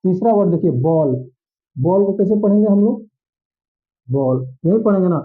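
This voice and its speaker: Guy with a high voice explaining grammar over and over, keeps saying "theek hai", dull muffled sound. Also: brisk. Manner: repetitive, reassuring, checks in with "theek hai". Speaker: English grammar teacher.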